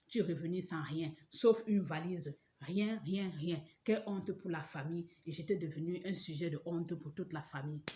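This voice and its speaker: A woman's voice: fairly low pitch, darkish tone. Woman telling her faith testimony. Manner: emotional storytelling, acting out voices. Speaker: testimony speaker. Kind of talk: personal religious testimony.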